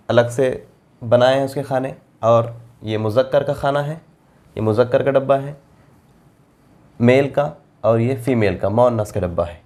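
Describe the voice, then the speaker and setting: A man's voice: mid-range voice, darkish tone. A male teacher giving a Quran translation class, reading Arabic phrases and explaining their meanings patiently, repeating forms for drilling. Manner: reads Arabic phrases then gives Urdu meanings, slow and deliberate. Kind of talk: classroom grammar lesson.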